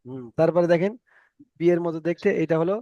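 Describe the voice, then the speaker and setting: This online Quran reading lesson comes from a male teacher with an Indian Bengali accent who patiently repeats letter sounds for his students. He talks a little fast in a slightly high, dark-toned voice, and the dry recording sounds muffled.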